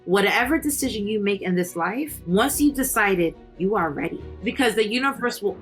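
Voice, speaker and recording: A woman's voice: mid-range voice, expressive, moderate pace, faint music behind. A woman raised in Haiti, talking earnestly as a podcast guest, peppering her speech with "you know". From Caribbean, Haiti. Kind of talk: conversational interview.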